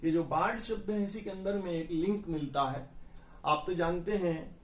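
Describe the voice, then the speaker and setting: A young man teaching English vocabulary for exams, explaining slowly and spelling words out letter by letter. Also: high voice. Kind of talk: explanatory exam-prep lesson. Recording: echoey room.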